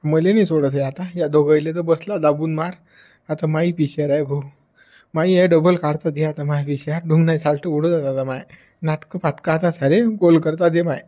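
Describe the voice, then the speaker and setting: Village comedy actor, man, high voice, wails and pleads. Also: fairly even intonation, moderate pace, mellow, highs cut off. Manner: pleading and wailing while being beaten. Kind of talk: rural village comedy sketch.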